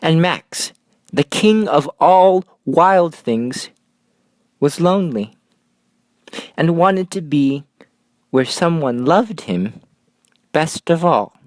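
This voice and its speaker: Man, children's storybook read-aloud, very slow pace, expressive deliberate phrasing, dry close sound. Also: a little high, no echo. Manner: deliberate, dramatic phrasing with pauses. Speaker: storyteller reading a children's picture book.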